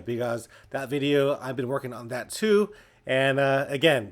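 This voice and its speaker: A man chatting casually to his viewers as a running vlogger. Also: mid-range voice. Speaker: running vlogger and channel host.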